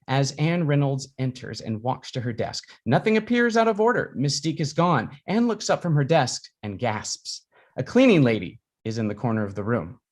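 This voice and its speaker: A man narrates a screenplay at a live reading. He delivers scene headings and action lines in a middle-pitched voice. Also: sing-song, normal speed. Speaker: narrator reading stage directions.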